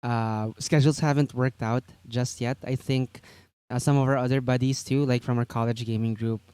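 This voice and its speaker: A man's voice: medium pitch, steady tone, moderate pace, dark tone, clean tone, no echo. A young man from the Philippines hosting a casual chat about tabletop games, easygoing, explaining things at length with many fillers. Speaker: host.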